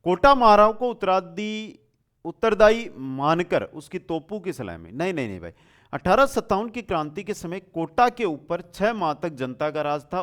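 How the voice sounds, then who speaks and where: A man with a slightly high voice runs an exam-prep quiz lesson, reading questions aloud and explaining answers in an affectionate, familiar manner while going over key points again and again.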